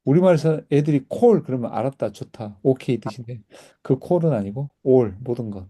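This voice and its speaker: Mellow-voiced man teaching a language class. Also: medium pitch, expressive, a little fast. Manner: patient, repeats words for students to echo. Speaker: Hebrew teacher. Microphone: recorded class, whiteboard teaching.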